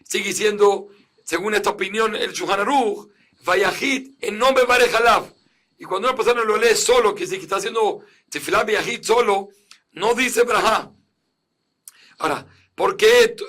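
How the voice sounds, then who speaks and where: A man's voice: sits high, sharp tone. A man teaching a lesson on religious law, reading Hebrew passages aloud and then explaining each one plainly in Spanish.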